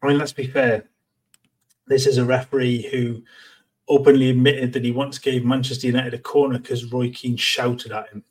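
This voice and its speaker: A man's voice: mid-range voice, little pitch movement, normal speed. Guy on a football pod, blunt takes, bit far from the mic. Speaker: podcast co-host. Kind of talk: casual football chat.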